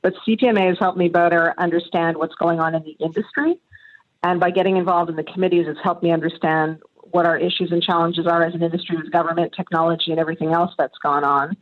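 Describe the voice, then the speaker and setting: A woman's voice: lowish voice, steady tone, quick pace. A woman being interviewed on a podcast, talking earnestly and thoughtfully with frequent restarts. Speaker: interview guest, past association chair. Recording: tinny phone-like remote line.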